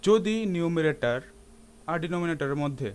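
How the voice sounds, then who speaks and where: A man's voice: fairly high pitch, animated, moderate pace, a little mellow, slight background noise. A man teaching a math lesson in a classroom-lecture style, often asking his students rhetorical questions and slipping English terms into his speech.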